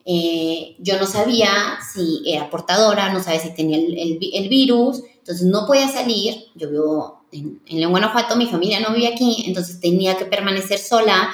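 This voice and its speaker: Woman, 30s, mid-pitched, confiding guest talk, echoey room. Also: moderate pace, hardly any pauses. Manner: confiding, earnest, restarts often. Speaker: wedding planner, guest. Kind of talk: candid personal storytelling. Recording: roomy echo.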